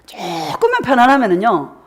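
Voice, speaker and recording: A woman's voice: medium pitch, wildly swooping pitch, moderate pace, slightly rough. A middle-aged woman pastor giving a sermon, asking the congregation questions and answering them herself, sometimes acting out what believers say. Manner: preaching with rhetorical questions and call-and-response; acts out voices of congregants in quoted prayers.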